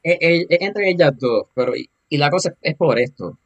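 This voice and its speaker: Animated man chatting films. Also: on the high side, normal speed. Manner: animated, emphatic, laughs often. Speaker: podcast co-host. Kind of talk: casual film discussion.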